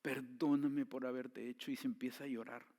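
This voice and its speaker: A man preaching a sermon, telling a story with swings from hushed tones to loud pleading. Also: medium pitch, little pitch movement, normal speed. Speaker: pastor.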